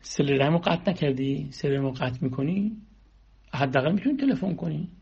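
A man's voice: a little high, animated, gravelly, a little mellow, slightly rough. A man giving a spiritual sermon, exhorting listeners with rhetorical questions and long lists, on a dull lo-fi recording. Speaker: religious speaker.

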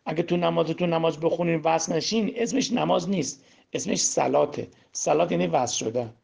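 A man preaching a sermon on Quran verses, who asks and answers his own questions and swings between loud emphasis and hushed demonstration. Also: a little high. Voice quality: gravelly; husky. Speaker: religious teacher. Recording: dull lo-fi recording.

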